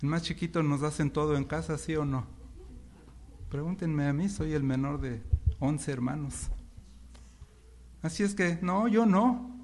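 A whiny youngest apostle , voiced by a preacher mid-sermon pleads that he should be spared the task. He sounds like a put-upon little brother, his voice slightly higher than most men's. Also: unhurried, long pauses, darkish tone. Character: youngest male apostle, whiny and excusing himself.

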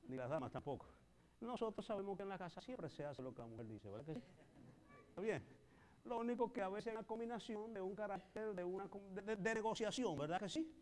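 A man preaching a sermon, swinging between loud emphatic lines and quiet asides, often checking in with his listeners. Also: sits high. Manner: keeps checking in with the listeners with rhetorical tags.

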